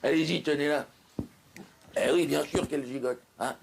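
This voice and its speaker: A man's voice: fairly high pitch, normal speed, creaky, a little hiss or hum. A man playing an exasperated middle-aged doctor on a night call, chatty and impatient, talking over everyone in a one-man comic sketch.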